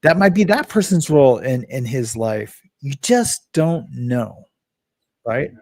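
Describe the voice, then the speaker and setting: A man's voice: mid-range voice, very animated, slow pace, creaky, darkish tone, no room sound. Rambling man hosting a livestream. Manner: rambling, greets chat viewers, frequent restarts and filler. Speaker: livestream host. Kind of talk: casual livestream commentary.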